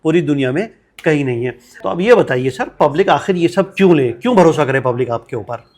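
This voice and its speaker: A man's voice: on the high side, animated, a little fast, darkish tone. A man with a slightly raised voice hosts a promotional interview. He keeps things upbeat, repeats his guest's answers and pushes the talk along with questions.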